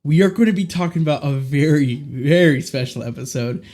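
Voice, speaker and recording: A man's voice: a little high, a little fast, a little mellow. A man hosting a casual podcast, hyped and cursing, often stumbling over his words. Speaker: podcast host.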